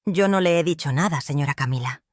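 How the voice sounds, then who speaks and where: A woman voicing a timid, kind elderly housemaid in a storybook drama, speaking hushed and hesitant. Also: deep voice, fast talker, no room sound, studio quality.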